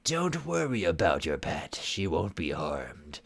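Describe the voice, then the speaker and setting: A man's voice: sits low, huge pitch swings, takes it slowly, gravelly, pitched below the performer's own voice, heavily acted. A man reading fan fiction aloud, voicing a cold, scheming female sorceress commander who talks in a sickly sweet, menacing way.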